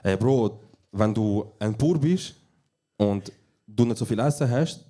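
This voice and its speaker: A man's voice: fairly low pitch, a little slow, mellow. A young man with a Swiss German accent, co-hosting a casual podcast recorded live, telling stories in a laid-back, dry way. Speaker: podcast co-host. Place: small venue, live recording.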